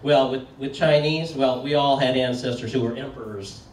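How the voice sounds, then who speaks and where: A man in his sixties giving a relaxed, joking public talk with plenty of fillers, putting questions to an audience. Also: medium pitch, moderate pace. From United States. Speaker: speaker. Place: community meeting room. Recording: echoey room from far off, faint background noise.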